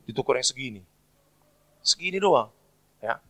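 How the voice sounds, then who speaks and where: A male pastor telling a story in a chatty, animated sermon at a church service, often asking the congregation to agree. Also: medium pitch, moderate pace.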